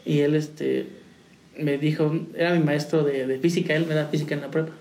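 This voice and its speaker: A man's voice: on the high side, steady tone, fairly quick, gravelly, a little mellow. A young man, a musician, telling his story in a rambling, casual way with restarts and laughs. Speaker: musician guest. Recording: roomy, distant, faint noise.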